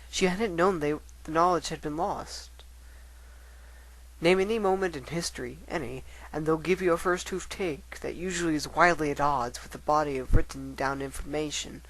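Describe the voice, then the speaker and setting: Man reading as an earnest bookish unicorn scholar, higher-pitched. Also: fairly bright tone, lightly acted, poor audio. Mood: animated, enthusiastic. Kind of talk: dramatic reading of letters.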